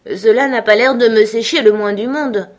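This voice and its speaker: A woman's voice: on the high side, moderate pace, pitched above the performer's own voice, natural voice. Melancholy young girl, voiced by a woman narrator. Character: girl, damp and gloomy.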